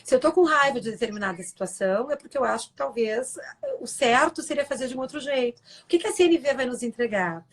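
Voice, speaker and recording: Earnest explaining woman, slightly high voice. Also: expressive, fast talker. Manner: earnest and explanatory, acts out quoted lines, frequent tag questions. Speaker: guest speaker on a live stream. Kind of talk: explanatory live-stream talk.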